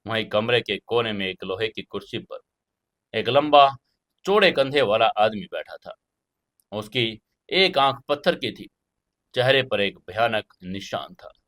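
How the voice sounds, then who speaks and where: A man's voice: lowish voice, animated, a little slow, fairly bright tone. A man narrating an audio drama in a dramatic, suspenseful storytelling manner.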